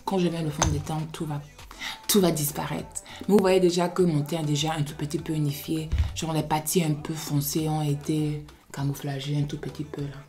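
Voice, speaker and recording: A woman's voice: low-pitched, level tone, a little fast, warm tone, faint music behind. A young woman with a Beninese French accent, from Benin and raised in the United States, chatting through a casual makeup tutorial and slipping English phrases into her French. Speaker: beauty vlogger.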